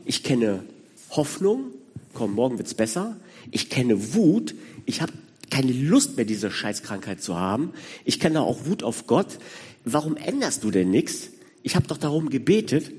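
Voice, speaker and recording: Man in his sixties preaching, husky. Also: medium pitch, warm tone, big-room sound. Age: 60s. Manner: conversational, addresses listeners directly. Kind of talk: sermon.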